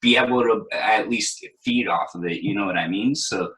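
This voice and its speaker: A young man with a low-pitched voice but a bright, forceful tone. He talks in a laid-back, rambling way full of fillers, like easy casual chat. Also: normal speed, low-quality recording. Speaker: guest DJ and producer.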